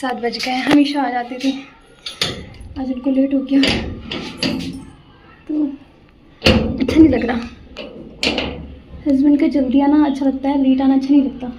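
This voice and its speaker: A woman's voice: high voice, steady tone, measured pace, long pauses, noisy background. A young woman chatting casually to her viewers in a vlog, confiding and talkative. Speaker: vlogger and home tuition teacher.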